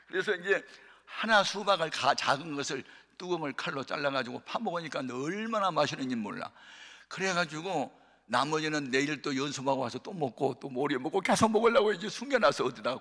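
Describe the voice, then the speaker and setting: Male pastor, bright forceful voice, animated storytelling sermon, long hall reverb. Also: on the high side, normal speed. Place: large prayer hall.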